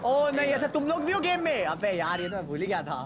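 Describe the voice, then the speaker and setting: A man streaming a game with friends, in casual banter, often pleading and excitable. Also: very high-pitched, quick pace, music in the background.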